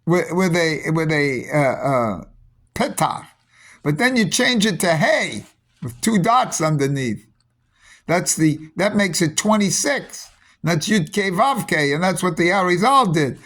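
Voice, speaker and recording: A man giving a rambling spoken teaching on mysticism, halting often with restarts and repeated words. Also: fairly high pitch, sing-song, fairly bright tone.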